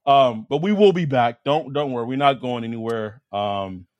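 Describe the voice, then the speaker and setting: A man's voice: medium pitch, moderate pace, darkish tone, dry recording. A man hosting a sports podcast in casual, slangy fan banter, swearing freely and repeating phrases for emphasis.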